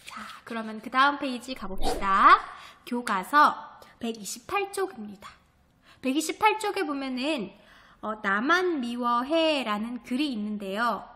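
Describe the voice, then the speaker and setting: Bright-voiced woman teaching a reading lesson. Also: fairly high pitch, expressive, measured pace. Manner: patient, asks the class questions and answers them. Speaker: elementary school teacher. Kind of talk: online video lesson, reading aloud and explaining.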